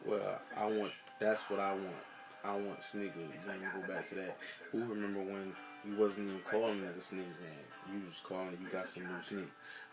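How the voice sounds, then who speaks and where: A man's voice: sits low, fairly even intonation, normal speed, over music. An American man in a casual rant to camera, blunt and emphatic, swearing heavily and repeating himself for emphasis. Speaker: sneaker vlogger.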